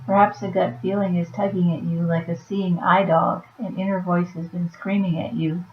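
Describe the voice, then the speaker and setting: A woman reads oracle cards aloud at a moderate pace, her fairly low, fading voice barely moving in pitch, then softly adds casual comments. The roomy, dull lo-fi recording carries a little hiss or hum.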